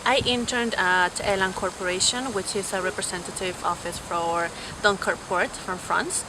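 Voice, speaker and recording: A woman's voice: medium pitch, fairly even intonation, moderate pace. A young woman from Peru answering interview questions about her studies and work, fluent but with frequent fillers and restarts. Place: outdoors on a university campus. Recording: clear background noise.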